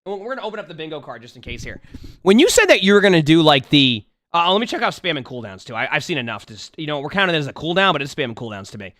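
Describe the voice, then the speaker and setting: A man talks a player through their mistakes as he streams and coaches their gameplay, a little hoarse from being under the weather. He's very animated and very fast, his voice a little high with a fairly bright tone. The recording is studio quality with no room sound.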